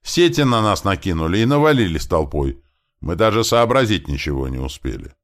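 Man voicing a captured young man, yelling loud and desperate, lively. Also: deep voice, fairly quick, voice pushed up.

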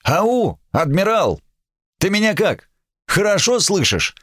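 Man doing a slightly hoarse, lazy ship's watch officer. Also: sits high, slow pace, no echo, clean studio sound, pitched above the performer's own voice, full character voice. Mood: lazy, mocking. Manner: relaxed, drawling, snide.

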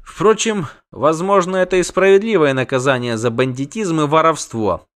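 High cursing halfling, voiced by a male reader, loud, indignant, audiobook. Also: moderate pace, natural voice. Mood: blustering. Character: hot-tempered male halfling merchant, blustering.

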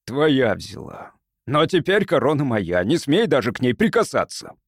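A man voicing an excitable, grasping museum curator who shouts indignantly in an audiobook. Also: medium pitch, normal speed, dry recording, studio quality.

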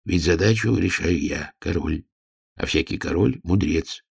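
A man voicing a pompous, slow-witted king who muses quietly in a storybook reading. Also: low-pitched, gravelly, breathy edge, no room sound, clean studio sound, heavily acted. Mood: pompous, musing.

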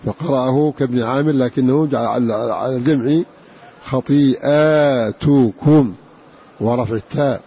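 A man giving a scholarly lecture on Quran readings, explaining slowly and repeating and drawing out key words. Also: mid-range voice, steady tone, vocal fry, dark tone, breathy edge. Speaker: Quran recitation teacher. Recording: dull lo-fi recording.

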